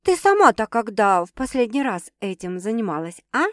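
A woman's voice: on the high side, very animated, moderate pace, fairly bright tone, dry recording. A woman voicing a grumbling young woman in an audiobook, dry and sulky. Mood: sour. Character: grumbling young woman, new at a city job. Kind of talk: audiobook character voice.

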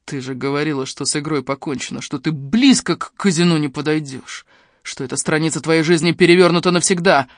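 A man voicing a domineering, angry middle-aged man in an audiobook, speaking low and cold. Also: fairly quick, no echo, studio quality, lightly acted. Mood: cold anger. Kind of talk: audiobook character reading.

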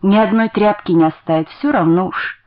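A woman's voice: mid-range voice, fairly quick, dull audio, lightly acted. A woman voicing a downtrodden young wife in a dramatic reading, agitated and pleading. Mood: weary.

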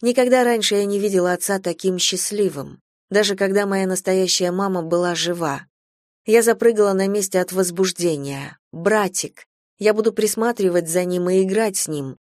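A woman reading a first-person story as an audiobook narrator, calm and measured, on a close mic. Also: medium pitch, dry recording.

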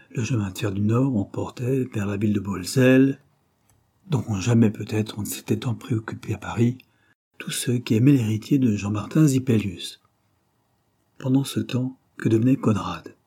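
Male narrator, audiobook, measured, husky tone, very dark timbre. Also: on the low side. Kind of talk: audiobook narration of a classic novel.

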